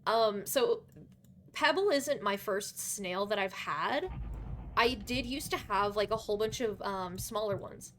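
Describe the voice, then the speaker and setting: This young adult woman, gaming live in her bedroom, talks in a rambling, giggly stream full of fillers. Her voice is medium-pitched and fairly bright, at a measured pace, though a bit worn from losing it lately, with a little hiss or hum.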